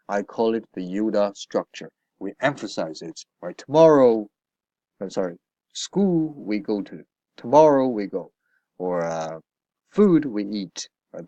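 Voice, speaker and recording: A man's voice: fairly low pitch, a little mellow, no echo. A man teaching a beginner Chinese lesson, explaining patiently and checking in often with "right?" and filler sounds.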